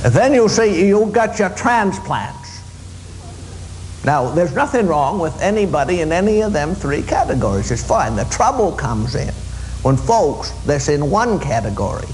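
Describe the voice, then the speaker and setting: A man with a Maine accent telling comic stories to a live audience in a folksy, drawling, deadpan way. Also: fairly high pitch, a little hiss or hum, rough recording. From Maine, USA. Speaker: humorist, storyteller. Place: room in front of an audience.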